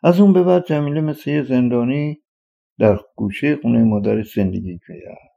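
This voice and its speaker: Male storyteller, measured folktale narration, warm low tone. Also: gravelly, dull audio.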